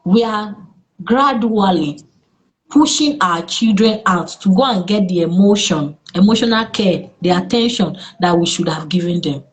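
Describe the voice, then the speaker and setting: A Nigerian woman speaking as a therapist in an interview, earnest and lively, with exclamations in her stories. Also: mid-range voice, moderate pace. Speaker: therapist guest. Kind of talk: interview conversation.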